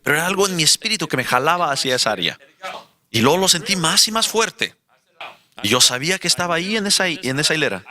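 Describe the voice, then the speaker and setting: A man interpreting a sermon, telling a healing story in an animated way with light laughs. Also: fairly high pitch, fast. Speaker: interpreter of a preacher. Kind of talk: sermon testimony.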